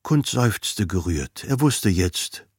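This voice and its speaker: A man narrating a literary novel in a calm, measured, dry storytelling manner. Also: lowish voice, slightly rough, no echo. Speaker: audiobook narrator.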